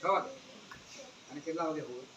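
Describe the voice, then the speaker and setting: Brief: male speaker, animated school talk that quizzes the kids; distant mic with faint background ambience. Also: a little high, a little fast, reverberant, dull audio, noisy background. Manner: animated, asks the children questions. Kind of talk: moral talk to students. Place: school gathering.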